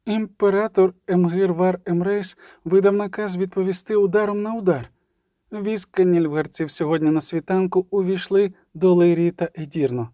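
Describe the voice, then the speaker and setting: Читець-чоловік веде оповідь спокійно, з м'яким, приглушеним тембром. Звук сухий і щільний, зблизька. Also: male voice, high voice, moderate pace, no echo, studio quality. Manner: even, steady storytelling. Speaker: audiobook reader. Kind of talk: scripted narration.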